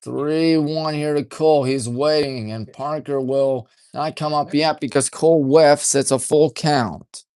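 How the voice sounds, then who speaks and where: A man doing play-by-play radio commentary for a high school baseball game from a press box, folksy and partisan, keeping his voice deliberately restrained. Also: steady tone, dry recording, clean studio sound. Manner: folksy, chatty, partisan toward home team; deliberately restrained, hushed delivery.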